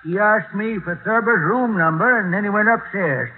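An actor playing a dim, hard-of-hearing old country man with an ear trumpet, in a folksy, slow-witted radio comedy style. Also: high voice, close to an everyday voice. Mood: folksy, obliging. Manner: slow-witted, mishearing, folksy hayseed talk. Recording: tinny, noisy old radio recording.

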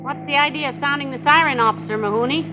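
An actress playing a patient, sensible, gently dry housewife in an old radio comedy. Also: female voice, sits high, quick pace, noisy background, close to an everyday voice. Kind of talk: 1940s radio comedy acting.

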